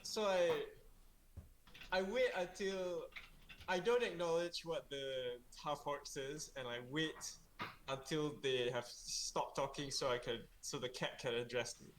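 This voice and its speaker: A man's voice: a little high, unhurried, a little hiss or hum, low-quality recording. A man playing a tabletop game, hesitant and restarting often as he plans his moves. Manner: hesitant, full of restarts while planning moves. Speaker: player. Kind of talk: tabletop role-play chat.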